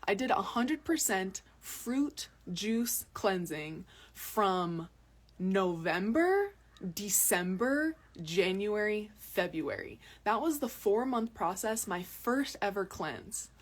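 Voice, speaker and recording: Out in cold mountains, a young Massachusetts woman who is a health vlogger chats to viewers in a live video shot on her phone. She takes it slowly in a sing-song, mid-range voice and often repeats words for emphasis.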